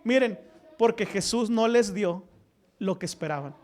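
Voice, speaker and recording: A man preaching a sermon, firing rhetorical questions and swinging between loud emphasis and hushed lines. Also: high-pitched, a little slow.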